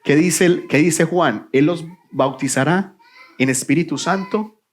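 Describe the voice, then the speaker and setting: A man preaching a sermon as pastor in a church, asking questions and answering them himself, dropping to a quiet low voice on the answers. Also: unhurried, a little hiss or hum. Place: church sanctuary.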